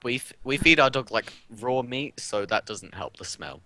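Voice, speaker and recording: Lively, laughing man podcast co-host. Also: medium pitch, normal speed, poor audio. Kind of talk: casual chat over a call.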